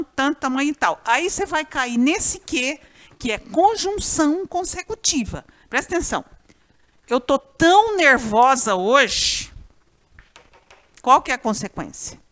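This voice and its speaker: Lively Brazilian woman teaching grammar. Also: high voice. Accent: Brazilian Portuguese. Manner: lively, chatty, often addresses students directly. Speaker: Portuguese teacher. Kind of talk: recorded grammar class.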